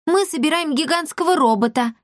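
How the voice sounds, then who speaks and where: Woman doing prim high-voiced girl Rozochka. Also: expressive, normal speed, dry recording, studio quality. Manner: important, matter-of-fact. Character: prim self-important little girl.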